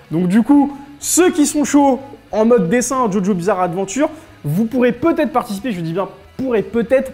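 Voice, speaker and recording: Man, high voice, casual news host, playful, chatty, talks to viewers, office. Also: a little mellow. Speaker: host of a weekly manga and gaming news show. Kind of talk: casual news recap to camera.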